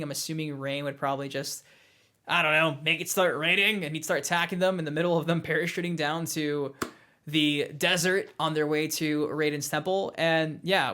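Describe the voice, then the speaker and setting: A young man talking casually and excitedly as a movie reviewer, breaking off into playful imitations of lines. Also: a little high. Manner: excitable, animated, mimics quotes.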